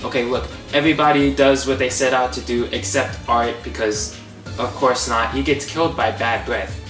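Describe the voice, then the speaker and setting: Sarcasm and exasperation color this young host's comedic take on a movie, his pitch in the middle range. The recording is distant and echoey with clear guitar underneath, and he holds a steady tone at a normal pace.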